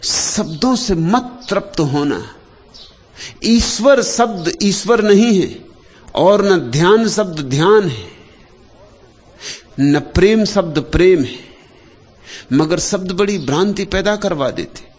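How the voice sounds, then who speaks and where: Slow, lilting man giving a spiritual discourse. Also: expressive. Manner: pausing between short phrases, dropping low and soft at the ends of thoughts. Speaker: spiritual speaker.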